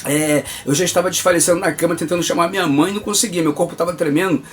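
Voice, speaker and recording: A man's voice: fairly high pitch, steady tone, very fast, soft background music. A man with a Brazilian Portuguese accent giving an earnest, emphatic religious testimony and calling his listeners brother.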